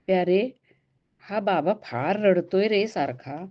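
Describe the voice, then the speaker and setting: A woman's voice: medium pitch, expressive, takes it slowly, highs cut off, slight background noise. A woman voicing a playful, kind young divine woman who teases and coaxes. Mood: teasing. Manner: teasing, coaxing.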